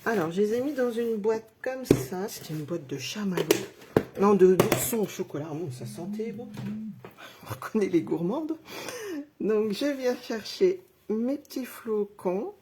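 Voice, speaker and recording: A woman's voice: mid-range voice, expressive, a little slow, heavy background noise. A middle-aged woman giving a live craft demonstration, chatting through each step and talking straight to her viewers. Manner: chatty, narrates each step while working; addresses viewers directly, self-encouraging.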